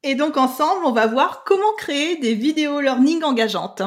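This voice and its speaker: A woman's voice: high-pitched, lively intonation, normal speed. A woman hosting a podcast interview, friendly, with filler hesitations when she asks questions. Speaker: podcast host.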